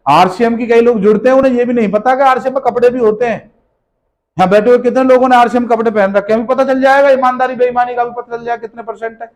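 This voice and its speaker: A man's voice: very high voice, steady tone, quick pace, poor audio. A man giving a motivational seminar speech, firing rhetorical questions at the audience and repeating his points with emphasis. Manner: emphatic, scolding, repeats key phrases. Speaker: motivational business speaker. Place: seminar hall with a live audience.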